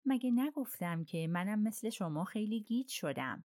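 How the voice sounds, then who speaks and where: A woman voicing a calm, methodical middle-aged male detective who reasons in a measured way. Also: medium pitch, no echo, studio quality, voice pushed up, natural voice.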